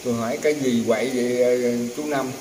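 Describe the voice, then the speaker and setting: With crowd noise in the background, an older temple herbal healer tells meandering, folksy stories at a quick pace, acting out what others said. His mid-range voice stays steady, and the recording is echoey, distant, and roomy with faint noise.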